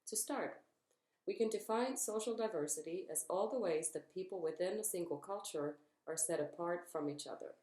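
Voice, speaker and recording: A young woman, a student reading her part of a group presentation in a measured, formal way. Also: lowish voice, mellow. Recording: echoey room.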